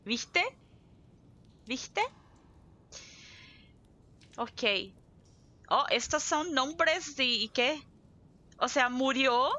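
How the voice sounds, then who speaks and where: In a muffled recording, a woman from southern Brazil with that region's accent chats at length during a live game stream, laughing easily. Portuguese is her first language; her voice is high, pushed and bright, with drawn-out words and frequent pauses.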